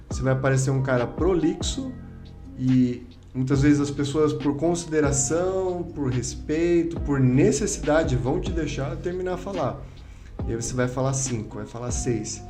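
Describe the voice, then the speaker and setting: A man's voice: mid-range voice, mellow, reverberant. A man hosting a podcast, teaching public speaking in a didactic way and acting out his students' complaints. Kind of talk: instructive podcast talk. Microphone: studio microphone.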